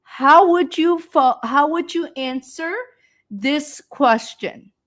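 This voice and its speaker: This English teacher from Canada runs a speaking lesson on a live stream, patiently and slowly walking through explanations and filling pauses with ums and uhs. She has a high, somewhat bright voice.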